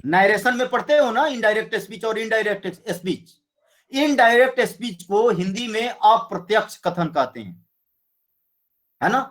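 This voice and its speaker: A man teaching a Hindi grammar lesson, explaining slowly and often checking with his students. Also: high-pitched, lively intonation, fairly bright tone. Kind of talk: classroom lecture.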